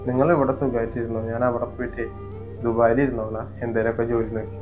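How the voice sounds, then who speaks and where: A man's voice: mid-range voice, narrow, tinny audio, music in the background, natural voice. A young man playing a hurt, patient stepson in an amateur family short film. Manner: hurt, pleading, quick and flat. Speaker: elder stepson in a family skit.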